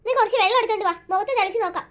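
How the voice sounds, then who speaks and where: Cartoon dad, gentle and reassuring, bright and fast, played by a voice actor. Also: very high voice, slight background noise. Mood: soothing. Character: worried cartoon father, soothing and calm. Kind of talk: cartoon voice acting.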